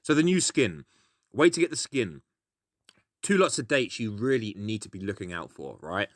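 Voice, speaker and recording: A man's voice: on the low side, sing-song, moderate pace, no echo, clean studio sound. A British man explaining a game in a casual, grumpy, grumbling way, blunt and sweary as he gives his opinions. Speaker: gaming video host.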